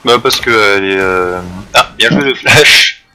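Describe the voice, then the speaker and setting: A man's voice: fairly low pitch, measured pace, bright, forceful tone, slight background noise. A man streaming a video game live, chatting with viewers and his teammate while he plays. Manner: chatty, reacts to chat and game while playing. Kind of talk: live gameplay commentary.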